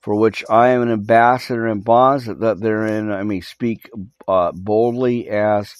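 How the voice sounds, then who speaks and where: A male pastor, still recovering from losing his voice, reads scripture and gives a live prayer update on his podcast, halting with many fillers and restarts as he earnestly urges listeners to repent. His voice is on the low side, clear and resonant, with fairly even intonation, recorded dry on a cell phone in a small home studio room.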